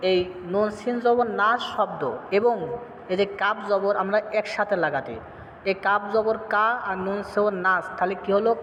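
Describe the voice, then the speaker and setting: A man teaching correct pronunciation of a recitation, explaining quickly and then drawing syllables out slowly. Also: sits high, a bit bright, long reverb tail, muffled recording, slight background noise. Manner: explains at speed, then stretches syllables slowly and chants them. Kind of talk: tutorial on pronunciation.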